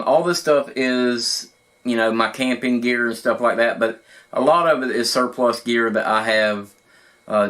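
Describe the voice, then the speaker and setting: A man's voice: medium pitch, fairly bright tone. A middle-aged man hosting his own prepping channel, talking in a plain-spoken, earnest, conversational way in an echoey studio room. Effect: echoey room sound. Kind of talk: casual talk to camera. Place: echoey studio room not set up for recording.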